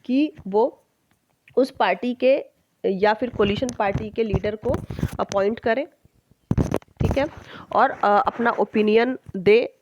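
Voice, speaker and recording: A woman teacher explaining a textbook chapter, reading English lines slowly and checking in often with her students. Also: fairly high pitch, a little mellow, slight background noise, rough recording. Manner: slow, deliberate reading of English lines, with frequent check-ins.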